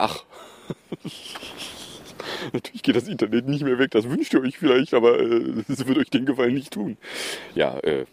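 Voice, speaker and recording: Podcast host, man, lowish voice with lively swings, sarcastic news rundown. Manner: sarcastic, many fillers and asides. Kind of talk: casual news review chat.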